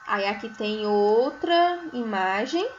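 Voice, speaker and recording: Woman teaching first graders at a very slow pace, high-ish voice, sounds out each syllable, somewhat muffled recording. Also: expressive, slight background noise. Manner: frequent checking tags like "né?" and "certo?". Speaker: primary school teacher.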